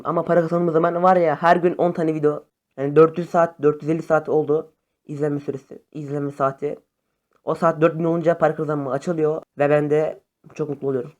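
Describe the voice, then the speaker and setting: A young man chatting casually to his viewers over phone gameplay, excitable and friendly. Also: a little high. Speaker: gaming YouTuber. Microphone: phone camera facecam.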